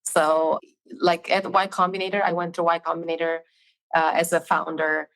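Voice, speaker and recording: A woman's voice: lowish voice, level tone, moderate pace, a bit bright, rough recording. A woman from Albania, a podcast guest, speaking directly and emphatically over a video call in a casual interview. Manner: direct, emphatic about her views.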